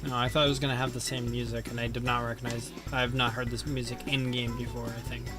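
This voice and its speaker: A man's voice: medium pitch, little pitch movement, fast talker, music in the background. A man joking and bantering sarcastically while playing a game on a stream. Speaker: gamer on a stream. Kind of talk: joking gaming chat.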